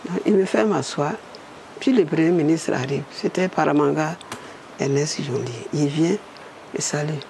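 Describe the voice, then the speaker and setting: A woman in her eighties from Burkina Faso, a former state secretary telling her story in a lively, animated way. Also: low-pitched, moderate pace, creaky, slight background noise. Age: 80s. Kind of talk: storytelling interview.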